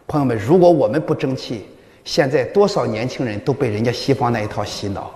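A man's voice: mid-range voice, fairly quick, warm tone. A man giving a public lecture to an audience, speaking emphatically and firing rhetorical questions at them. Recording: long hall reverb.

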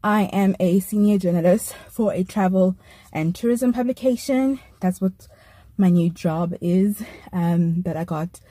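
A young woman in her twenties, a travel journalist talking casually and excitedly to her vlog audience in loose, rambling sentences. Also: medium pitch, unhurried, slightly rough, dry recording. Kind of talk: casual vlog talk to camera.

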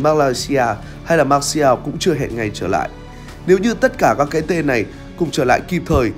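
A young man narrates a scripted football roundup in a lively, dramatic storytelling manner. His voice sits a little high and has a husky, breathy edge. Soft music plays faintly behind him. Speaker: football commentator. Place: red studio set with screens. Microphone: lavalier mic on shirt.

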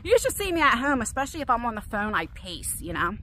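A middle-aged woman speaks in a confessional vlog with a high, bright, sharp-edged voice. She talks in an emotional, rambling way, often restarting her sentences as she paces. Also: sing-song, fast, slight background noise. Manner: pacing while talking. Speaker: vlogger.

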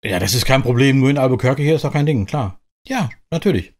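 A middle-aged German man hosts a truck simulator roleplay series, talking fast and expressively in a mid-range voice. His in-character gameplay commentary is chatty and colloquial, with clear vehicle noise behind him.

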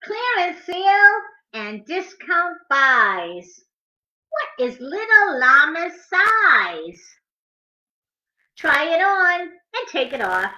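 Very high, pushed and bright, the voice of a middle-aged woman leads a preschool storytime from a home living room. She reads and speaks with a very animated, emphatic sing-song, taking things very slowly. The webcam or laptop mic sits at arm's length, producing dull audio in an echoey room.

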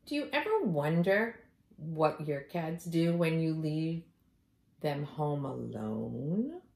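At home indoors, a middle-aged woman reads a picture book aloud to young children, telling the story deliberately and expressively. Her voice is low and creaky, and there's a little hiss or hum.

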